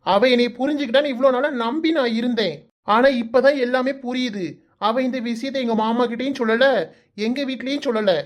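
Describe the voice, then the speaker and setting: A woman's voice: on the high side, brisk, lightly acted. A woman voicing a teasing, exasperated young man in a cartoon, with a Kanyakumari Tamil accent, coaxing and playfully scolding. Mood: pleading. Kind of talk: cartoon voice acting.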